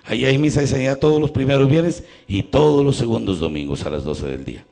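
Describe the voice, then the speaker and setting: Mexican priest preaching, joking folksy storytelling, lively gravelly voice. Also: male voice, medium pitch, fast. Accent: Mexican Spanish. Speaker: priest leading a healing retreat. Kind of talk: storytelling sermon. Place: church.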